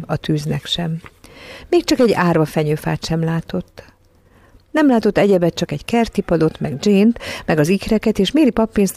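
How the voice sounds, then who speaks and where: Gravelly storybook narrator, dry sound. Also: medium pitch, darkish tone, no room sound. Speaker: audiobook narrator.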